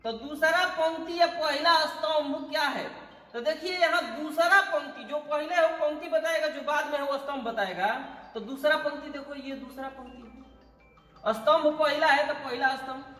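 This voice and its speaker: A man's voice: very high voice, sharp tone. A man teaching a math lesson, explaining step by step, counting aloud and checking that students follow. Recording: echoey room with long reverb.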